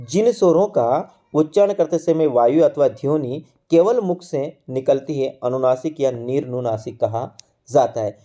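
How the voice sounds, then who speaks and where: A man teaching an exam-prep Hindi grammar lesson. He keeps asking the class questions and answering them himself, slowing down to stress key terms. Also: fairly high pitch, mellow. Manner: repetitive, quizzes the class with call-and-answer questions.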